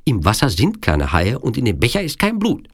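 A man's voice: mid-range voice, huge pitch swings, brisk, voice pushed up. A man voicing a frightened young princess. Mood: defiant. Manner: quiet, defiant inner voice. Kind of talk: audiobook character voice.

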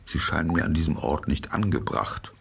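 A man voicing a shy, thoughtful little male mole in a storybook reading, speaking slowly and hushed. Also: very deep voice, lively intonation, gravelly, breathy edge, full character voice. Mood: musing.

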